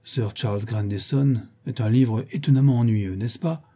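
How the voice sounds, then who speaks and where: A man reading an audiobook and voicing an effusive, gossipy young woman who flatters her friend. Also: medium pitch, moderate pace, slightly rough, close to an everyday voice. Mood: gushing.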